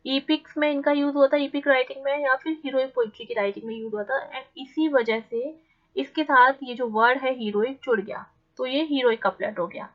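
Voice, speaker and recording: A young woman teaching an exam-prep literature lesson in a mix of Hindi and English, explaining step by step and slowing down to read English definitions. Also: high-pitched, fairly even intonation, lo-fi sound. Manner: explains patiently, slows right down when reading English definitions.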